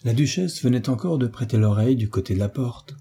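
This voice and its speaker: A man reading a classic novel aloud as an audiobook narrator, measured and even. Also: mid-range voice, breathy edge. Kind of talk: scripted narration.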